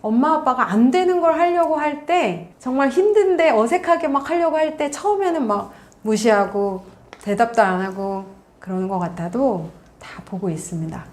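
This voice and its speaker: A woman counselor giving parenting advice in an earnest, coaching tone, now and then acting out what a parent or child might say. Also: fairly high pitch. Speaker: college counselor and parenting author. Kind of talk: parenting advice talk to camera.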